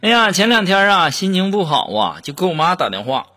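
A man hosting a casual show, telling joke stories in an animated way, with exclamations. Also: high voice, fairly quick. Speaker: host reading joke submissions. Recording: steady background music under voice. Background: background music.

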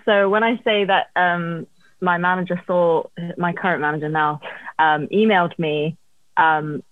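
A woman's voice: sits low, no room sound, phone-quality sound. A woman songwriter being interviewed, chatting casually about her career over thin call audio. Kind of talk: casual chat, telling career story.

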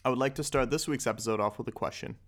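A very fast-talking man at medium pitch hosts a casual podcast. He's Austrian, in his twenties, and loose and candid, using "like" frequently and cursing a lot; the recording has an echoey room sound.

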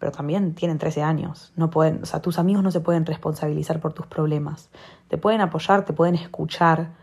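A young woman with a Rioplatense Spanish accent talks straight to her viewers in a loose, confessional way. She circles back and repeats herself for emphasis. Her voice sits low, with a husky, gravelly texture. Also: steady tone, a little fast, a little mellow. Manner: candid, rambling, repeats phrases for emphasis. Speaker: vlogger giving advice. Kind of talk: casual confessional talk to camera.

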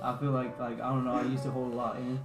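A man's voice: mid-range voice, completely flat delivery, fast. Young man in echoey room. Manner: slangy, informal. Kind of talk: casual group chat. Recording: echoey room with music behind.

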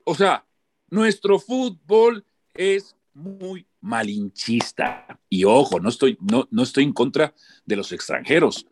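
Animated male pundit, fired-up and repetitive, voice swings a lot in pitch. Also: takes it slowly. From born outside Mexico. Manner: emphatic, animated, repeats himself. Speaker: football pundit. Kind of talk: heated panel debate.

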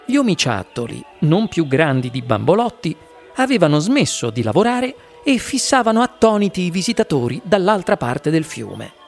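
Male audiobook narrator, high for a man, very animated delivery. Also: moderate pace, gravelly, soft background music. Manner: lively, animated reading. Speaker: audiobook reader. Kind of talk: expressive storybook narration.

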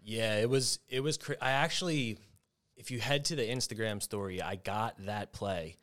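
A young adult man hosting a casual sports betting talk show, telling stories in an animated, excitable way. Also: fairly low pitch, moderate pace. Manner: animated storyteller, excitable, mimics shouting. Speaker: host.

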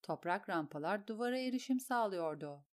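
A woman narrating an audiobook with a steady, descriptive reading. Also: medium pitch, fairly quick.

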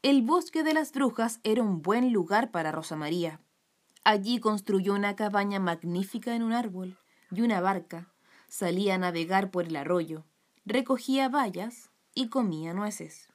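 Woman reading a kids story, gentle, mid pitch, expressive. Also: moderate pace. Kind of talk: reading a children's story aloud.

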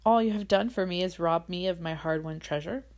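Woman doing a commanding gentleman collector. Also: fairly low pitch, brisk, lightly acted. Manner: formal, commanding speech.

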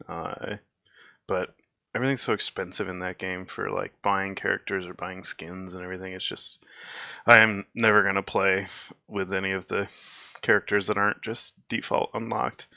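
A laid-back man with a low, bright-edged voice, chatting on a gaming podcast. He laughs often and trails off, heard through a dull, muffled lo-fi mic with a dry sound. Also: gravelly, no room sound. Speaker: podcast co-host. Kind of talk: casual gaming podcast chat.

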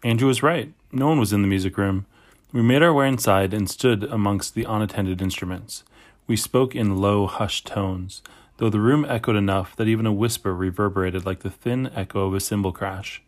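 Man with a lowish voice narrating a children's book. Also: moderate pace. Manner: steady, plain storytelling, first-person. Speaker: audiobook narrator.

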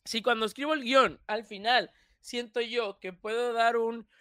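A young man with a Mexican Spanish accent, talking as a guest in a casual interview, animated and quick to laugh. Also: very high voice, smooth, dry recording, clean studio sound. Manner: animated, laughs often, restarts phrases. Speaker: YouTuber guest.

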